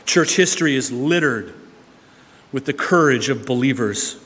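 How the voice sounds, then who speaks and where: A male pastor preaching a sermon in a church, conversational in tone, swinging between loud emphatic lines and hushed quiet ones. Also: medium pitch, lively intonation, unhurried. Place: church sanctuary. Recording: long church reverb with faint room noise.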